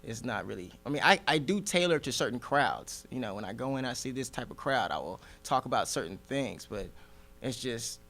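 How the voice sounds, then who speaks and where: A man's voice: medium pitch, expressive, a little fast, a bit bright. A man who does stand-up comedy, talking casually in an interview and laughing often between remarks. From Nigeria.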